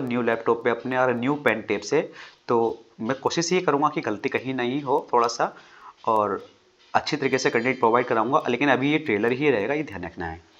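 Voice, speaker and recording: A man at mid pitch talks through exam questions on English literature, going over each answer option and checking his viewers are following. The recording sounds dull and lo-fi, like a basic home setup with a drawing tablet on screen. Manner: explains with worked examples, often checks in with "theek hai". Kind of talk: exam-prep lesson on a YouTube channel.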